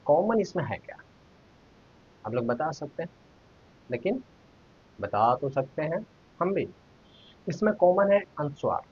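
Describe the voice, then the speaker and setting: A man with a somewhat high, husky voice gives an online grammar lesson. He quizzes his viewers and then answers the question himself. He spells out letters one by one, and the recording sounds dull and lo-fi. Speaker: Hindi teacher.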